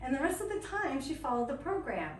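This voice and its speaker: An upbeat woman wellness coach tells stories to a small audience in a chatty, quick style. Her voice sits a little high. She is picked up from some distance in a roomy, echoing space. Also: big pitch swings, a little hiss or hum. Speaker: wellness coach giving a talk. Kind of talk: lively storytelling presentation. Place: indoor event room at a chiropractic office. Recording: echoey room from a distance, faint ambience.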